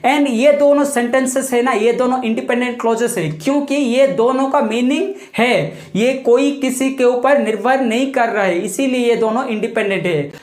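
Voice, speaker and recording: A woman teaching English grammar in a video lesson, reading English definitions slowly and explaining quickly in Hindi. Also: fairly high pitch, darkish tone, reverberant.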